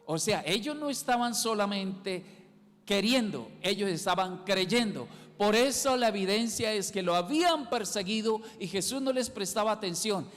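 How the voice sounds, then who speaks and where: A man preaching a sermon as pastor, emphatic, rising loud and dropping soft as he repeats key words. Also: high voice, expressive, moderate pace, long reverb tail. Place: church hall.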